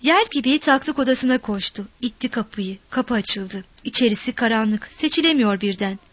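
A woman reading a village story aloud in a measured, expressive narration. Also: a little high, no room sound.

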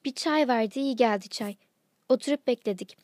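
A woman reading a literary short story aloud in calm, measured narration. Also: fairly high pitch, dry recording.

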